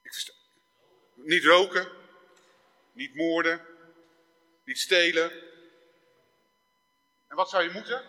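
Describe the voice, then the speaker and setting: Male preacher, bright forceful tone, sermon in a long-echoing church hall. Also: a little high, slow, long pauses. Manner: conversational, with dramatic raised reading of scripture.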